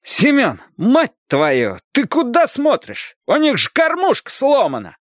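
A man's voice: on the high side, sing-song, a little slow, dry recording, clean studio sound, pitched above the performer's own voice. A man voicing a coarse, bossy male poultry-plant worker who scolds and grumbles in a storybook reading. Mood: yelling. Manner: gruff, scolding, crude.

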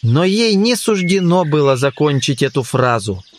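A narrator reading a storybook audiobook in a calm, measured way, with music behind. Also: mid-range voice. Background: background music.

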